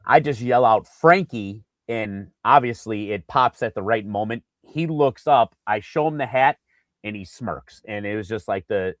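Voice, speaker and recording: A man co-hosting a casual sports podcast, telling an animated story with lots of fillers and acted-out quotes. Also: fairly low pitch, dry recording. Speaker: podcast co-host.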